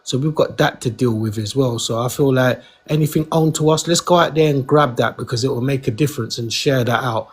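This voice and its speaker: A man speaking earnestly in a live online debate, often halting and repeating himself. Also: mid-range voice, breathy edge. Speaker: caller.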